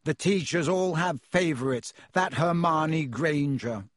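A spoiled, sulky rich boy whining and demanding in a raised, slightly husky voice, put on by a male narrator, recorded close and dry. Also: on the high side, slow pace, no room sound. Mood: petulant. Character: spoiled, petulant teenage wizard boy.

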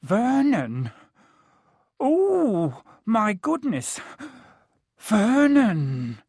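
A man's voice: high voice, huge pitch swings, very slow, vocal fry, fairly bright tone, husky, no echo, studio quality, pitched above the performer's own voice, exaggerated voice. A man voicing an anxious middle-aged aunt, easily shocked, with a quivering voice in an audiobook.

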